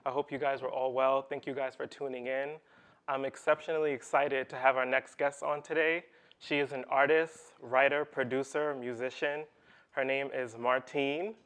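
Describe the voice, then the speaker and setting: A man's voice: medium pitch, little pitch movement, normal speed, fairly bright tone. A man hosting a casual interview in an earnest, encouraging, conversational way. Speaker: host of an interview show.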